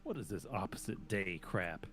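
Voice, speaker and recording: A man's voice: low voice, big pitch swings, normal speed, faint music behind. A man playing a party game, stumbling through lines he reads aloud and joking about himself. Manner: stumbles reading aloud, self-mocking. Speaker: player. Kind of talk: casual banter at game night.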